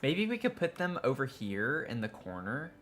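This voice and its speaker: On a casual live stream, a Tennessee man with a Southern accent rambles and interrupts himself while building in a game. His mid-range, slightly bright voice swings widely in pitch, and he keeps a moderate pace.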